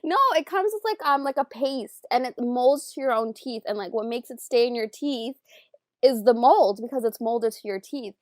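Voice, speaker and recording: A woman's voice: on the high side, normal speed, a little mellow, no echo, clean studio sound. A young woman co-hosting a casual book podcast, telling rambling stories full of fillers and laughter. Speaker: podcast co-host. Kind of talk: casual chat.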